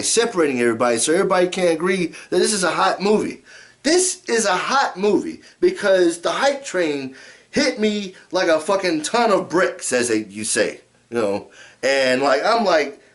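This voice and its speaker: A middle-aged American man in a casual vlog rant, drunk, rambling and repeating himself, swearing heavily. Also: high-pitched. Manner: heavily profane. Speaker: amateur movie reviewer.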